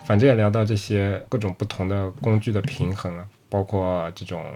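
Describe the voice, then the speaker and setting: A man hosting a casual podcast, chatty and relaxed, dropping English words into his talk. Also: fairly low pitch, a little fast, faint music behind. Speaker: podcast host.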